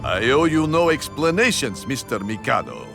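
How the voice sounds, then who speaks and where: A man voicing a stern, secretive monster count in an animated series, formal and dramatic. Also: mid-range voice, normal speed, vocal fry, music in the background. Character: stern, secretive old monster count, loyal police buddy.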